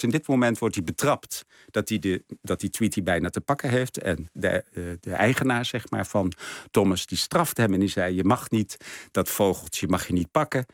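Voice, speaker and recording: A man's voice: lowish voice, dry recording, clean studio sound. A man guest in a radio interview, explaining with enthusiasm and plenty of fillers. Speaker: exhibition curator, guest. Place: radio studio.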